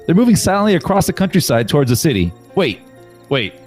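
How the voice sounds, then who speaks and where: A man's voice: fast talker, faint music behind. A man voicing a frantic male television reporter who stammers as he talks. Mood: alarmed. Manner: stammering, high and excited.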